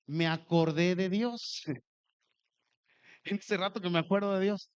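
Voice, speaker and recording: A man preaching a sermon, telling a personal story with animated delivery and acting out the dialogue. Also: sits high, unhurried, smooth, lo-fi sound.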